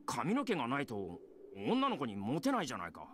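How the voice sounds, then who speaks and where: A man's voice: medium pitch, wildly swooping pitch, fast talker. An actor voicing a vain, lovelorn male martial arts fighter in anime video game dialogue. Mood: defensive. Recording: loud music behind.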